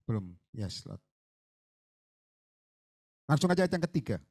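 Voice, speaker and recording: A male pastor preaching a sermon, swinging from soft asides to loud fiery exhortation and mixing in English words. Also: medium pitch, very animated, a little slow, breathy edge. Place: church hall.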